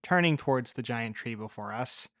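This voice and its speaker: A man narrating a story in the first person with a measured, even read. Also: mid-range voice, dry recording, clean studio sound.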